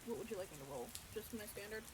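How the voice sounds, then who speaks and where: A woman's voice: mid-range voice, animated, rapid-fire, a little mellow, poor audio. A woman playing a tabletop game, speaking hesitantly with frequent ums as she decides her character's moves. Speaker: player. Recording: hissy background noise.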